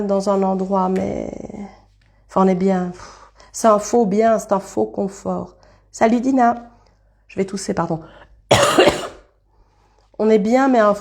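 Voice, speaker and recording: Woman, chatty live card reader, soft warm tone, greets her viewers as she goes. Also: mid-range voice, vocal fry. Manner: chatty, thinks aloud, greets viewers by name. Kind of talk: casual live-stream card reading.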